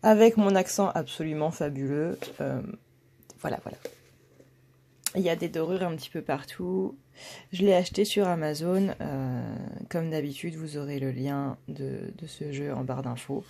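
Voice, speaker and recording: Low-voiced blunt woman vlogging. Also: moderate pace, vocal fry, warm tone. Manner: blunt, many fillers and restarts. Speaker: tarot reader. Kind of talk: casual tarot reading vlog.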